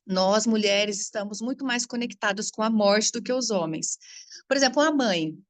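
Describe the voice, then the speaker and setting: A Brazilian woman, a spiritual coach, talking casually and frankly to her audience, lively and blunt, laughing now and then. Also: medium pitch, normal speed, no echo. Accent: Brazilian Portuguese. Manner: animated, frank, swears freely, laughs often. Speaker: spiritual coach teaching astrology. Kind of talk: casual spoken talk to an audience.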